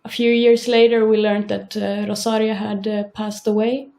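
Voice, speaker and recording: A woman, a band member, speaking in an interview in a halting, thoughtful way with many pauses. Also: mid-range voice, level tone, gravelly, warm tone. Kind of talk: casual interview.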